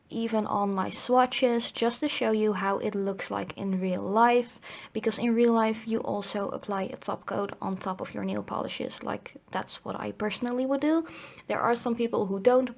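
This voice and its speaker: With a mid-range voice, some vocal fry and a darkish tone, this nail polish reviewer from the Netherlands narrates her review in a relaxed, talkative way. A cold seems to be coming on, leaving her voice slightly cracky, and she hedges frequently.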